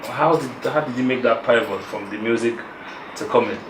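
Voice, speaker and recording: A man's voice: mid-range voice, fairly quick, noisy background. A man hosting an interview, eager and encouraging, often reacting with "wow". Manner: enthusiastic, frequent "wow" and "yeah". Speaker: interviewer host. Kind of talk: show host interviewing. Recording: echoey room with faint background.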